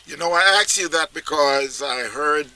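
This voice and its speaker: Man, cricket commentary host, very bright voice, slightly high, halting with lots of ums. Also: poor audio. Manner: halting, with frequent "um" fillers. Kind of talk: casual live cricket commentary chat.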